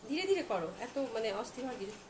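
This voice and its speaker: A woman's voice: fairly high pitch, big pitch swings, racing. A woman selling clothes on a live stream, chatting and gushing over each dress while slipping in English phrases. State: feeling hot. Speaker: online clothing seller. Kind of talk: live-stream product showcase. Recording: echoey room with loud background noise.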